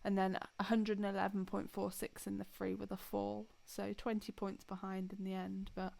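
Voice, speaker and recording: Gravelly-voiced woman co-hosting a podcast. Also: mid-range voice, monotone, normal speed, darkish tone. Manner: chatty, jokey, reads out scores. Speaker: podcast co-host. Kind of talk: casual chat.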